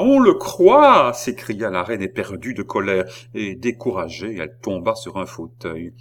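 A man narrating a classic novel in a measured, expressive reading. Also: low-pitched, a little hiss or hum. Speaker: audiobook reader. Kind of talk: literary narration.

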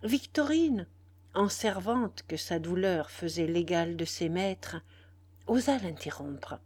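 A woman's voice: fairly low pitch, lively intonation, takes it slowly, a little mellow, no echo. A woman narrating a novel solemnly, often sinking into a whisper. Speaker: audiobook narrator.

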